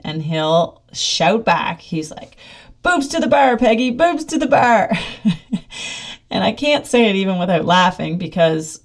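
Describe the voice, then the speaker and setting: Woman, middle-aged, slightly low pitch, casual monologue, upbeat, laughs often.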